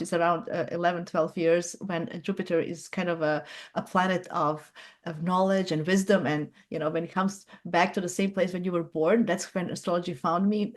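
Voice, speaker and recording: Hosting a casual astrology chat over group video, a middle-aged woman from Croatia gropes for words, her lowish voice full of hesitations, fillers, and restarts.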